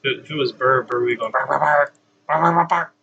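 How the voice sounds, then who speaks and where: A man hosting a casual podcast, halting and full of fillers, heard through a tinny webcam mic that sounds like a tin can. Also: medium pitch, creaky, background noise. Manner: halting, with many fillers and repeats. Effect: tinny webcam mic, like talking into a tin can. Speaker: podcast host. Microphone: built-in webcam mic.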